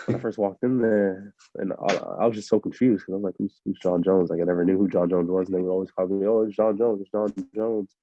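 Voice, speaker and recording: A young man from Miami, a fighter answering interview questions in a relaxed, rambling way full of fillers. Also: sits low, quick pace, few pauses, a little hiss or hum. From Miami, USA. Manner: laid-back, rambling with many fillers. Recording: muffled lo-fi audio.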